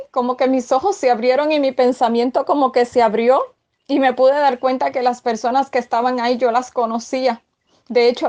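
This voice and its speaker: A woman's voice: high-pitched, darkish tone. A woman earnestly recounting a religious dream as a testimony, with many fillers and repetitions. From Puerto Rico.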